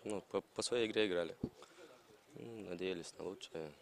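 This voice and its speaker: A man's voice: sits low, normal speed. A young man, a footballer, giving short, reserved post-match answers outdoors into a held-out microphone. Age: young adult. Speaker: football player. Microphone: interviewer's handheld microphone, held out. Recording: faint outdoor ambient noise.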